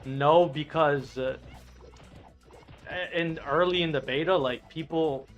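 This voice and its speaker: The audio is dull, with faint music behind a man whose voice is on the high side and slow. He's in his late thirties, streaming an online game and casually reading viewer messages aloud in a rambling, foul-mouthed manner that keeps restarting sentences.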